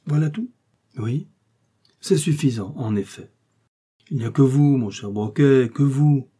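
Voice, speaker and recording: A man's voice: medium pitch, a little slow, warm tone, slightly rough, pitched above the performer's own voice. A man reading an audiobook, voicing an agitated middle-aged police chief who talks nervously and complains. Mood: exasperated.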